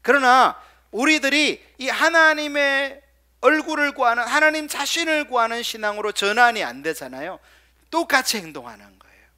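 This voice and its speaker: A male pastor preaches a sermon at normal speed, firing rhetorical questions at the congregation and dropping into soft, quiet asides. His voice is very high-pitched.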